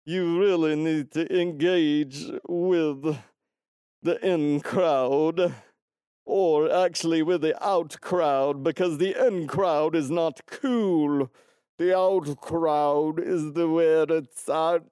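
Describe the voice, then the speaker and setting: A man's voice: fairly high pitch, fairly even intonation, mellow, clean tone, dry recording, studio quality, voice pushed up. A man putting on a haughty voice as a pompous snob who thinks he is cooler than everyone. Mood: condescending. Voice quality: haughty, drawn-out sneering delivery.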